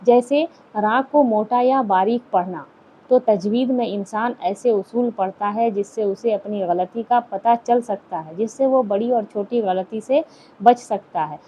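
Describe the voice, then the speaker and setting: A woman's voice: mid-range voice, dark tone, a little hiss or hum. A woman teaching a lesson on Quran recitation. She asks her listeners questions, answers them herself, and repeats the key points.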